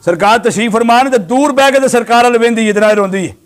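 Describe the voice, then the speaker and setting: A man preaching a sermon to a live gathering in a notably high voice. He tells his stories animatedly, rising to loud exhortation and then dropping to low, hushed asides. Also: quick pace.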